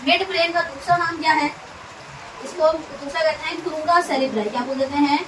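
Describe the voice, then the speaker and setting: A woman, teaching a science class and quizzing students, repeating terms slowly for them to echo back. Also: high-pitched. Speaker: science tutor. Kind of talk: classroom lesson with call-and-response drilling. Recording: echoey room, mic at a distance, audible noise.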